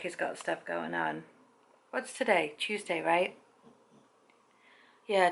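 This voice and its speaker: A woman's voice: lowish voice, vocal fry. A woman talking casually in a rambling daily video diary, chatty and prone to wandering off on tangents. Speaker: daily vlogger.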